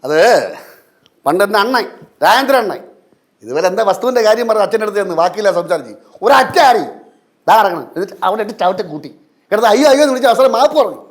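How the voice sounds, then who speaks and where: A man's voice: high voice, animated, fast talker. An actor playing a stubborn, blustering middle-aged father in a TV sitcom. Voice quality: teasing, blustering. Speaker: father of the family. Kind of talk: TV sitcom acting. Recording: TV sitcom with faint music.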